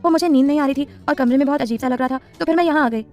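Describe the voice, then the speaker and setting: A woman's voice: sits high, rapid-fire, darkish tone, soft background music. A woman voicing a playful, lovestruck young woman in a romance story, speaking sweetly and teasingly.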